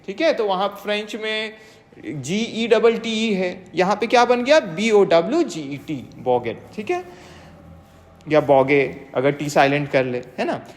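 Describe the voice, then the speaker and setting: A teacher giving an exam-prep lecture, reading English definitions slowly and then explaining them, often checking with quick tag questions. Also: mid-range voice, lively intonation. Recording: long reverb, echoey room.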